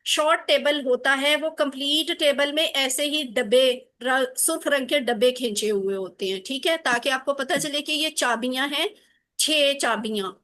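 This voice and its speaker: A woman teaching a class over a video call, with a high and bright voice. She keeps encouraging her students and keeps putting questions to them.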